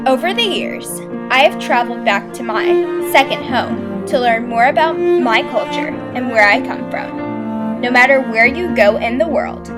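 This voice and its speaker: A woman's voice: a little high, unhurried, loud music behind the voice. A young woman from Arkansas reading a scripted documentary narration in an earnest, read-aloud way. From Arkansas, USA.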